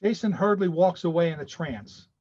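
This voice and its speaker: A man reads screenplay stage directions in a steady, matter-of-fact way, his voice a bit higher than most. The audio is dull and lo-fi from a video call. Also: fairly quick. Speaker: narrator reading stage directions. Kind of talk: screenplay reading.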